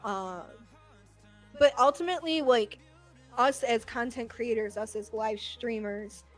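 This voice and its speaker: A woman's voice: on the high side, unhurried, faint music behind. A young woman hosting a podcast, chatting candidly and swearing freely. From United States. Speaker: podcast host. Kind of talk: casual streamer chat.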